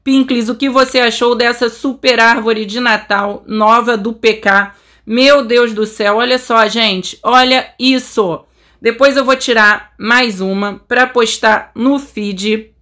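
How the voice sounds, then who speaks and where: A young Brazilian woman with a Brazilian Portuguese accent commentating a game update, so excited she says she is trembling, gushing and exclaiming constantly. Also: fairly high pitch, slow pace. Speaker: game channel host.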